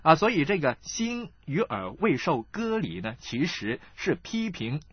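Lively husky male Bible teacher. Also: a little high, measured pace, no room sound, muffled recording. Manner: lively, frequent "呢" and "啊" fillers. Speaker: Bible radio program host. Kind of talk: explaining scripture in a two-person discussion.

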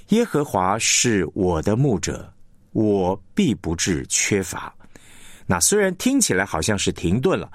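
A man teaching announcing techniques in a recorded radio lesson, explaining in a measured, deliberate way and demonstrating how to phrase lines. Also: on the low side, dry recording, clean studio sound. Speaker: broadcasting instructor.

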